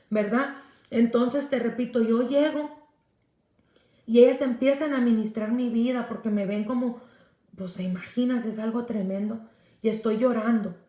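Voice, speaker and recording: High-voiced woman pastor, echoey room. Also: a little mellow. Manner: earnest, speaks directly to a listener. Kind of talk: personal faith testimony. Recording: roomy echo.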